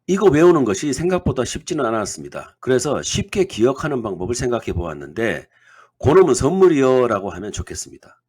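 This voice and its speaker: A man delivers a scripted lecture, stepping through lists one item at a time. His voice is husky and slightly rough, and his pitch rises and falls in a lively way. He keeps an even, explanatory tone throughout. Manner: measured, reads lists item by item. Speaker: naming-theory lecturer.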